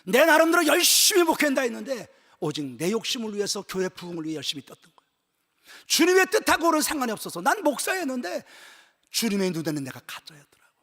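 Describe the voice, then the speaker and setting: A male pastor preaching with a high, husky voice that leaps and dips with feeling. He swings from near-shouted exclamations to hushed whispers. It is recorded in a church sanctuary with a long, ringing reverb. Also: big pitch swings, fast talker. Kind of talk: sermon at a church retreat.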